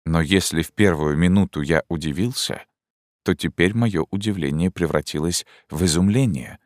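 A man reading a story aloud with expressive, theatrical narration. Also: deep voice, normal speed, dry recording, studio quality. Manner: theatrical, exclamatory delivery. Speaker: audiobook reader.

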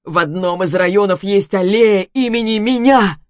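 A woman voicing a poisoned rich man who shouts and curses in a weak, wheezing voice. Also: moderate pace, no echo, studio quality, natural voice. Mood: scornful boasting. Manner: shrill shouting, cursing.

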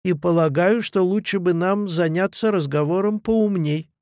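A man's voice: high voice, normal speed, darkish tone, no room sound, studio quality, lightly acted. A man reading the lines of a bitter, touchy young clerk who answers in clipped, defensive retorts. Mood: defiant.

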